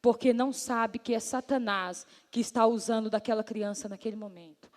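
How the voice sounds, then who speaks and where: High-voiced woman pastor preaching. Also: fairly even intonation, moderate pace. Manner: earnest, addresses listeners as brothers and sisters. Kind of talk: testimony preached to a congregation. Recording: long hall reverb.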